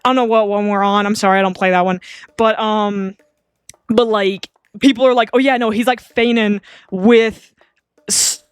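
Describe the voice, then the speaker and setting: A woman's voice: mid-range voice, steady tone, normal speed, clean tone, no echo. A woman streaming a game, chatting in a rambling, giggly way and swearing freely. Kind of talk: live-stream game commentary.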